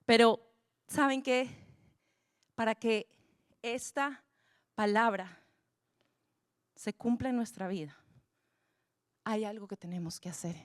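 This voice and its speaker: A woman preaching a sermon with passion, repeating words for emphasis and dropping at times to a hush. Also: on the high side, slow, pauses often, no room sound, clean studio sound. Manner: impassioned, swings between loud pleas and hushed whispers.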